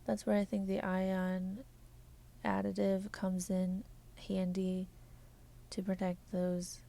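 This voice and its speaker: A woman narrating a home hair-bleaching tutorial as a voice-over, speaking softly and often dropping to a half whisper, at times flat and measured and at times quick and chatty. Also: medium pitch, gravelly. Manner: soft, half-whispered instructional delivery. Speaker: beauty vlogger.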